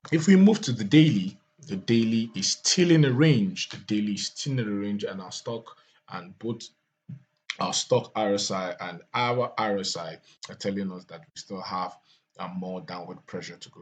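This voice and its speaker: Husky low-voiced man analyzing market charts. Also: muffled recording. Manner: repeats words, many fillers and restarts.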